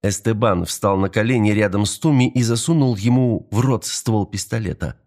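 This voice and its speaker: A man's voice: lowish voice, moderate pace, darkish tone. A man narrating an audiobook in a dramatic, tense scripted reading.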